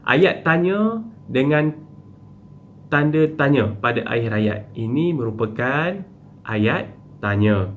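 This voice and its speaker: A man's voice: on the high side, dull audio, slight background noise. A man teaching a primary school lesson, explaining step by step with patient repetition. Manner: patient, step-by-step, with frequent "okey" and "ha" fillers.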